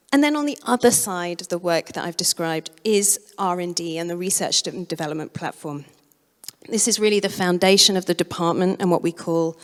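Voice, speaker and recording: A woman giving a conference keynote, her voice going hoarse, speaking in a measured way and correcting herself as she goes. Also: lowish voice. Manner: measured, self-correcting presentation. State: losing her voice. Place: museum auditorium. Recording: long reverb of a lecture hall.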